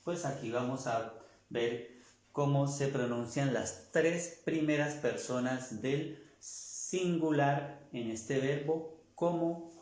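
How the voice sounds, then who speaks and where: Slow, patient male teacher in echoey room. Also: medium pitch, a little mellow. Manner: patient, repeats each word slowly. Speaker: French teacher. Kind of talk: slow classroom lesson with repetition. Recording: echoey room, mic far off.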